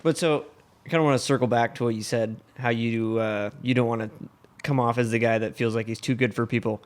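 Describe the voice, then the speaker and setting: A man's voice: mid-range voice, steady tone, brisk. A man hosting a podcast, asking easygoing questions in a casual interview. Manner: easygoing, brief agreements. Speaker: podcast host.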